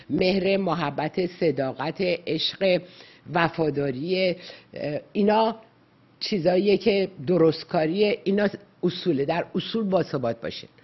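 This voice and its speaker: A woman's voice: lowish voice, breathy edge, highs cut off. A woman psychologist giving earnest, lecturing advice to callers on a radio call-in show, slipping English words into her talk.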